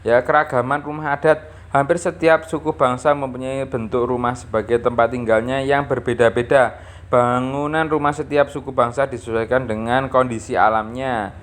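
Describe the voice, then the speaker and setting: This male school teacher from East Java, Indonesia, has a medium-pitched, steady voice and talks at normal speed. Reading from a textbook, he explains the lesson in a didactic way, often adding small checking tags to his phrases.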